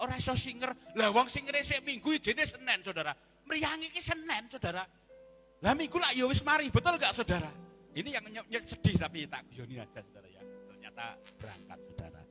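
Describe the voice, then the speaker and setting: Lively high-voiced Javanese pastor preaching. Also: male voice. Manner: animated, joking, acts out quoted voices. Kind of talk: sermon. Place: church service.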